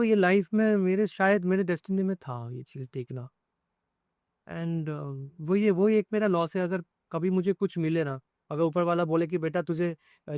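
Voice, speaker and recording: Emotional man recalling a loss, fairly high. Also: dry recording. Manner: soft, emotional, halting recollection. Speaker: music composer interviewed as guest. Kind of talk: personal storytelling in an interview.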